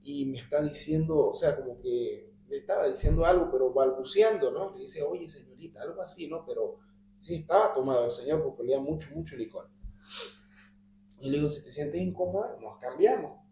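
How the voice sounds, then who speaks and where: A man shares a personal story with his Bible study group, his voice fairly high and mellow. He drops almost to a whisper when he repeats his prayers. The recording sounds roomy, with a faint hum underneath. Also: brisk. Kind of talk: telling a personal story in conversation. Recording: echoey room with faint hum.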